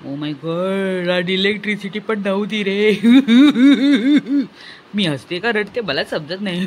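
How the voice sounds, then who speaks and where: A woman's voice: mid-range voice, normal speed, few pauses. A woman vlogger giving mocking comic commentary in a teasing way, repeating phrases in a sing-song tone and often laughing.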